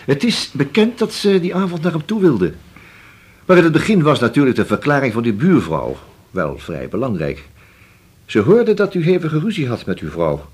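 An actor playing a shrewd police inspector who questions slowly and keeps humming to himself. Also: male voice, mid-range voice, big pitch swings, darkish tone, husky. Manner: slow, probing, drawn-out with many hums. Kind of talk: radio drama acting.

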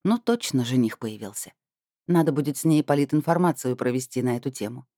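A woman's voice: rumbling low, animated, fairly quick, warm tone, no room sound, studio quality. A woman narrating a first-person novel in a wry, conversational storytelling manner. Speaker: audiobook narrator.

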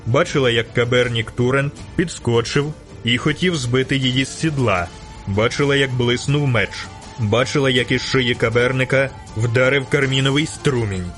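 Guy reading a fantasy audiobook, middle pitch, steady dramatic telling, soft music underneath. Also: normal speed. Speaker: audiobook narrator. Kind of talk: scripted narration.

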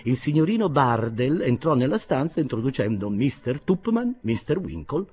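A man narrating a literary audiobook in a measured, expressive storytelling manner. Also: medium pitch, slightly rough.

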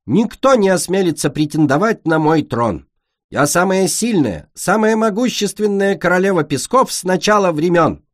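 A man's voice: high-pitched, sing-song, normal speed, pitched above the performer's own voice. A man voicing a small female dragon who plays a grandiose, boastful queen in a storybook reading. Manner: grandiose, theatrical.

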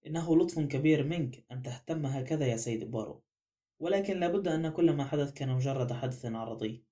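A man's voice: a little high, fast talker, mellow, natural voice. A man voicing a flippant, stubborn young woman in an audiobook, with a light, mocking way of talking. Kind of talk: audiobook character reading.

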